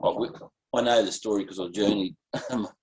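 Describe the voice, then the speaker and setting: A man hosting an interview, asking gentle questions that start with stammers and repeats. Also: lowish voice, brisk, poor audio. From Australia. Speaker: interview host.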